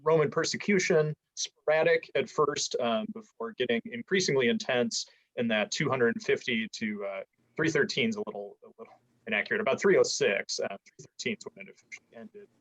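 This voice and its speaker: This man's mid-range voice has lively intonation and a slightly bright quality, moving a little fast on a low-quality recording. He's giving an online church history lecture to an adult education class by video call from inside a church, easygoing and prone to stumbling restarts. His volume wavers and repeatedly cuts out.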